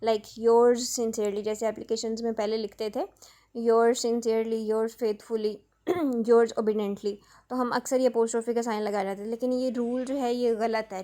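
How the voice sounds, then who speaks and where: Woman teacher going over grammar rules for exams, kinda high voice, reads the english examples slow. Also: mellow. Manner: explains step by step, often checking in with a tag word; reads the English example sentences slowly and carefully. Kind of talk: exam-prep grammar lesson.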